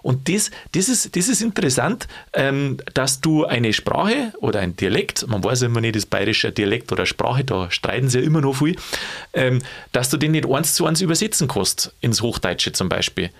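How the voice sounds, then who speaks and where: A man's voice: medium pitch, lively intonation, moderate pace, creaky. A man with a Bavarian accent, co-hosting a casual chat in a musing, playful way and laughing easily. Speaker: podcast co-host.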